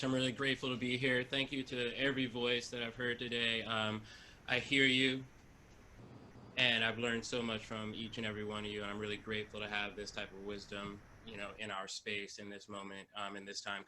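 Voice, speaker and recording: A musician and educator introducing himself casually over a video call, soft-spoken and humble with many pauses. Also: male voice, lowish voice, completely flat delivery, a little hiss or hum, rough recording.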